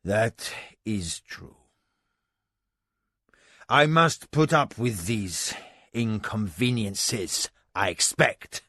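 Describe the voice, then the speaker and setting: A man voicing a hot-tempered, domineering lord who shouts at his wife, in a raspy, gravelly voice. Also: medium pitch, big pitch swings, slow, no echo, clean studio sound, heavily acted. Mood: grudgingly mild.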